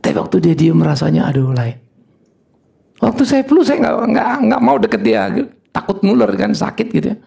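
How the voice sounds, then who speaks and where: An older male pastor preaching a sermon, telling stories in an animated way with sudden high exclamations. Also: moderate pace, gravelly.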